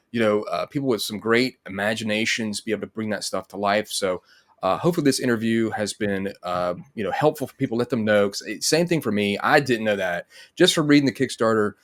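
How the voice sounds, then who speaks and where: A middle-aged man hosts a casual interview over a video call from a home room with a bookshelf, rambling conversationally. His voice sits on the low side with a slightly bright quality.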